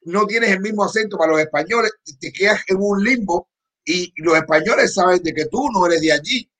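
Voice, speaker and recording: A man from Cuba co-hosting a casual livestream, talking to the viewers in a lively way. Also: high voice, brisk. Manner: lively, addresses viewers as "señores". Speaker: co-host. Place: in Miami.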